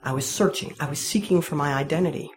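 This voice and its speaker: Speaking fast in a low-sitting voice, a woman shares her personal faith testimony with an audience, candid and wryly poking fun at herself. There's slight background noise.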